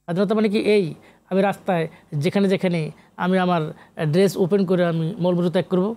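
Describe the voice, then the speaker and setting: A Bangladeshi professor and literary researcher, guesting on an animated TV interview, talks a little fast in a high, warm voice with fairly even intonation. His explanations are emphatic and lecture-like, with English academic terms mixed in.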